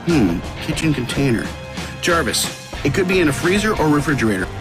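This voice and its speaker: A man voicing a cocky, wisecracking armored superhero in a video game, flippant and commanding, over loud music. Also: on the high side, big pitch swings, fairly quick. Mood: wry.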